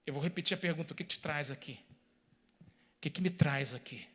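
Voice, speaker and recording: High-voiced preacher. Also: male voice, fairly quick, fairly bright tone. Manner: emphatic, repetitive, addresses the congregation directly. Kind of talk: sermon.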